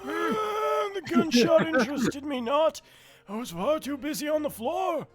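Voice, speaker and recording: A man's voice: extremely high pitch, animated, unhurried, over a noisy crowd, pitched above the performer's own voice. A man voicing a very old antiques dealer in a game, with an aged voice and florid, melodramatic delivery. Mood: gleeful, boastful. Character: very old excitable male antiques dealer, theatrical. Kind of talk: game dialogue read-along acting.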